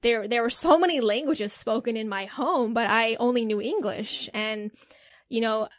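A young American woman with a fairly high voice speaks at normal speed as an interview guest, recorded dry. She tells stories in an animated, casual way and keeps tagging her lines with "right?".

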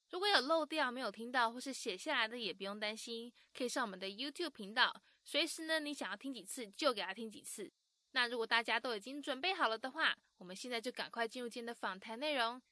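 Bright, lively woman teacher. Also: on the high side, no room sound. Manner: lively, teacherly, models words slowly. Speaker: language-learning show host. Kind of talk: explaining pronunciation to listeners.

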